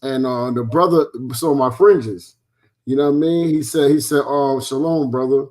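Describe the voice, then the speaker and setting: Regular-pitched guy chatting on a call, kinda hesitant, lots of um and uh. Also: normal speed, darkish tone, low-quality recording. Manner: casual, hesitant, lots of fillers. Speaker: congregation member. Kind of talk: casual chat on a group call.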